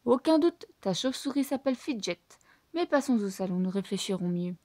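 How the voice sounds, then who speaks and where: A woman voicing a clever, excitable male mouse detective with a brisk, self-assured manner, in a storybook reading. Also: mid-range voice, no echo, natural voice. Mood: confident.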